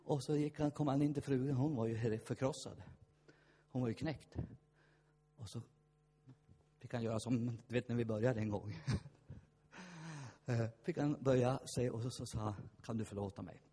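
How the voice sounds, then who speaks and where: A man's voice: medium pitch, steady tone, long pauses, dark tone, breathy edge. A man preaching a fervent sermon, telling stories and acting out the voices in them. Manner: fervent, storytelling, acts out voices. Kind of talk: lively sermon with shouted peaks. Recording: long hall reverb.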